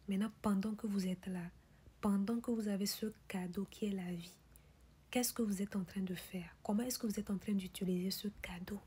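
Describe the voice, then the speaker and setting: Breathy, whispery woman giving a motivational speech. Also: medium pitch, warm tone. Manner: insistent rhetorical questions and repeated refrains. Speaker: motivational speaker.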